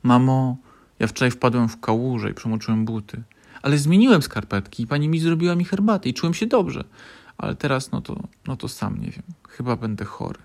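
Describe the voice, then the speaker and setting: Guy putting on a high eager little fox kid, bouncy storybook voice. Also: fairly quick, close to an everyday voice. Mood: worried. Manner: bright, excited childlike lilt. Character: young boy fox cub, cheerful and eager.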